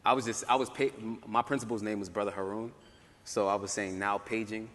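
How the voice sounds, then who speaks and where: A man's voice: on the low side, fairly even intonation, fast, fairly bright tone. Young man telling his story on a panel. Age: young adult. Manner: casual, many "like" fillers, laughs often. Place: conference hall. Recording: roomy hall, faint ambience.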